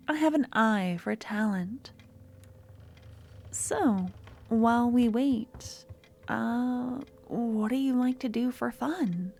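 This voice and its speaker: In an ASMR audio roleplay, a woman plays a sweet yet obsessive young student who stalks the listener. She speaks softly, coaxing and slightly awkward, her voice on the high side and her mood coy and flattering.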